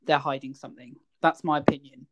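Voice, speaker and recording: A man's voice: a little high, fairly even intonation, fairly quick, a bit bright. A man co-hosting a podcast in casual chat, telling stories with a wry, chatty manner. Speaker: podcast co-host.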